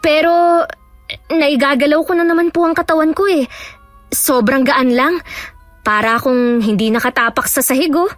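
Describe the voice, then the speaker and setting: A woman's voice: high-pitched, normal speed, long pauses, no room sound, soft background music, natural voice. A woman voicing a timid, polite young woman patient who speaks hesitantly and stammers. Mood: uneasy. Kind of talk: audio drama acting.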